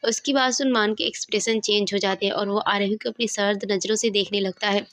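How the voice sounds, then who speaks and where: Woman, story narrator, scripted reading, mid-pitched voice, dry close sound. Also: a little fast, no room sound. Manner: steady storytelling voice, reading all parts.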